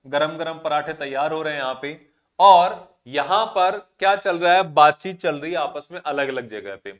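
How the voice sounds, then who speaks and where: Lively male physics teacher. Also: a little high. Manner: explains with rhetorical questions and everyday examples. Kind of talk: classroom lecture.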